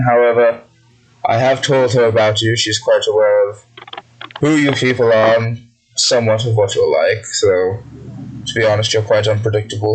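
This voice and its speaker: A man running a tabletop game as game master, speaking measured and formal in character. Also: lowish voice, low-quality recording.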